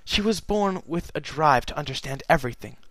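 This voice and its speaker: A regal immortal pony princess, sorrowful and solemn, put on by a male reader. Her voice sits noticeably above his usual register and stays earnest and measured. The sound is dry and close. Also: a little high, lively intonation, a bit bright, no room sound, voice pushed up. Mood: solemn, wistful. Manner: solemn, earnest letter-reading. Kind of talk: fan fiction reading.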